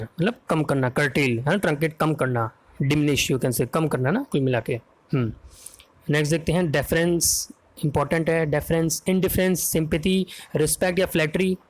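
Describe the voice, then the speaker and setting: A man with an Indian accent teaching English vocabulary for an exam, talking fast in a quiz style and often checking that students follow. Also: a little high. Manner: fast, drills answers with repeated "है ना?" checks.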